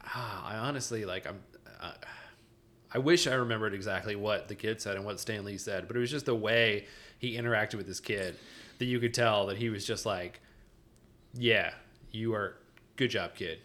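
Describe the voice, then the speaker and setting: A man's voice: on the low side, fairly quick, fairly bright tone. A man co-hosting a podcast, chatting casually and enthusiastically, rambling with frequent restarts. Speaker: podcast co-host. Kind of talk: casual chat.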